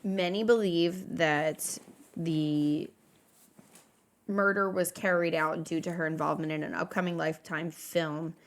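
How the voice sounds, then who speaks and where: Woman, podcast co-host, casual chat, lower-pitched voice, reading through notes, lots of fillers. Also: steady tone, unhurried. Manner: talks through researched notes with many fillers and restarts. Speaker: podcast co-host leading the episode.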